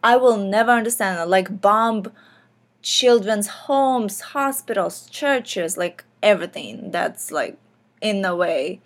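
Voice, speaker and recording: A woman's voice: medium pitch, expressive, slow. Earnest young woman from Ukraine. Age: young adult. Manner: earnest, frequent fillers like "like" and "um". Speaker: podcast host. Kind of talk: casual personal podcast talk.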